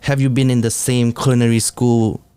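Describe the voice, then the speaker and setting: A man hosting a podcast, chatting casually in an excitable way, stumbling over his words and using slang like "bro" and "man". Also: medium pitch, moderate pace, clear, resonant tone, no echo. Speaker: podcast host.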